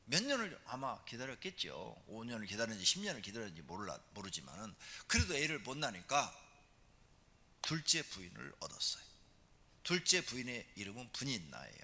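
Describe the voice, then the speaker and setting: A male pastor preaching a sermon in a church sanctuary, retelling the story with animated flair and asking the congregation to respond. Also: medium pitch, fairly quick, slightly rough. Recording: long reverb of a church hall.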